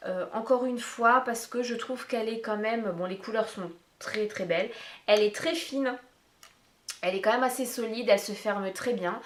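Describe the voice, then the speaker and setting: In an echoey room, a beauty vlogger with a fairly high voice speaks at normal speed through a casual makeup tag video, meandering between topics and chatting at length directly to her audience.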